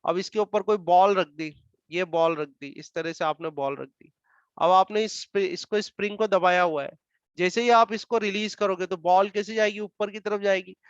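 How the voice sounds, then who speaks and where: A man with an Indian accent teaching physics, explaining slowly and repeating terms, dictating English definitions word by word. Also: high-pitched, fairly even intonation, smooth, dry recording. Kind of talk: classroom lecture. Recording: dull muffled dry sound.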